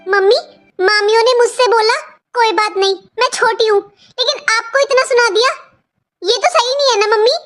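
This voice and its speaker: An outspoken, earnest little girl, voiced by a woman in a cartoon, her voice pitched very high and childlike. She pleads and talks on at length, with soft music faint behind her. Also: moderate pace. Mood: indignant. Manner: pleading and talkative. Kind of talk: cartoon voice acting.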